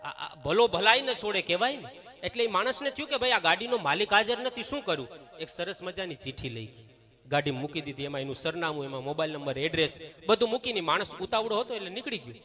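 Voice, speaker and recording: A woman's voice: lowish voice, quick pace. A woman giving a devotional sermon at a temple gathering, telling stories and acting out the people in them. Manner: animated storytelling, acting out quoted people. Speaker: religious discourse speaker.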